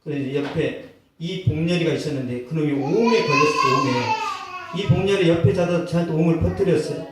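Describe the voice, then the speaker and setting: A man's voice: a little high, sing-song, a little fast, distant mic, noisy background. Emphatic preaching man, echoey hall. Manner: storytelling with acted quotes, swings to loud emphatic outbursts. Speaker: pastor. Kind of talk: sermon. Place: church sanctuary. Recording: echoey church hall, mic from afar.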